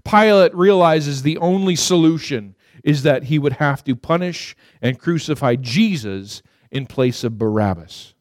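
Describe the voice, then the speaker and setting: A man preaching a sermon as dramatic storytelling, swinging from loud, high peaks to hushed, low passages. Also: lively intonation, a little slow, hardly any pauses, no room sound, studio quality.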